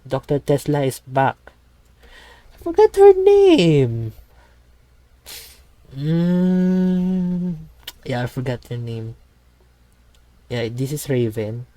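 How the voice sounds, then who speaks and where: A man's voice: medium pitch, mellow, smooth, dry recording, low-quality recording. A young man reading game dialogue aloud and commenting. He stumbles and corrects himself often. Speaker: gameplay commentator.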